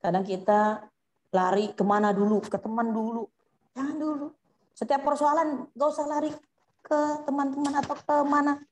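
A woman's voice: high voice, level tone, moderate pace, a little hiss or hum. Woman leading an Islamic study circle. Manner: addresses listeners as Bunda, asks questions; acts out heartfelt prayers. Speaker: religious study teacher. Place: women's study gathering.

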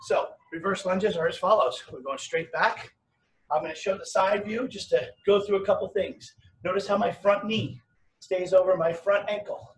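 A man's voice: high-pitched, moderate pace. A man in his fifties explaining workout moves step by step as a fitness coach. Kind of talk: instructional workout demonstration. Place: hard-walled home gym or patio workout space. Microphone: camera a few metres away. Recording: roomy, distant mic with background noise.

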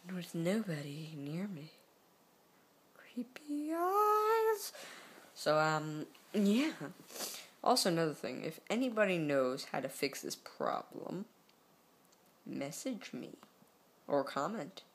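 A man's voice: on the high side, lively intonation, slow. A man vlogging late at night from his bedroom, talking casually into his camera mic in a sleepy, meandering way full of fillers and self-corrections. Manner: drowsy, easygoing talk. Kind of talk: rambling late-night vlog chat. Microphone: computer or camera mic.

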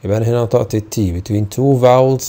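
With a medium-pitched, dark voice, an Egyptian Arabic-accented man teaches English sounds in an online video. His model pronunciations are slow and drawn out, and he repeats every word multiple times.

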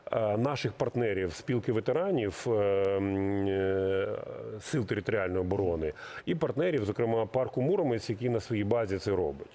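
A middle-aged man, a military recruiting official, answering interview questions in a measured, explanatory way with frequent hesitations. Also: on the low side, mellow.

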